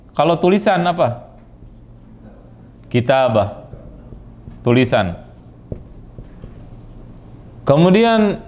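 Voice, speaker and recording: An Indonesian-accented man teaching an Arabic grammar class, quizzing students with quick questions and repeating their answers. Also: a little high, a little mellow. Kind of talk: classroom lesson.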